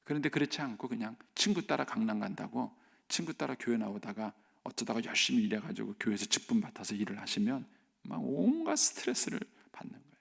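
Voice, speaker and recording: A male pastor preaching at a dawn church service, animated and acting out the voices he quotes, now and then dropping to a near whisper. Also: mid-range voice, fast, creaky, slightly rough. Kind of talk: sermon at a dawn worship service. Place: church sanctuary.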